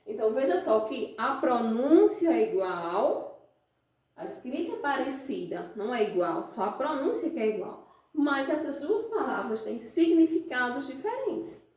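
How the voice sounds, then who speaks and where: Brazilian lady teacher, high voice, takes it slow, lots of quick check-in questions, big echo. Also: very animated, darkish tone. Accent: Brazilian Portuguese. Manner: explains slowly, asks the class frequent check questions. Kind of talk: classroom lesson. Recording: very echoey room, voice from a distance.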